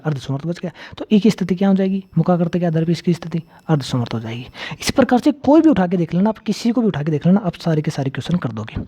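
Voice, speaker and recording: Dark-voiced male grammar teacher, lo-fi. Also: sits high. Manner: repeats key terms, asks and answers his own questions. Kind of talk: exam-prep grammar lecture.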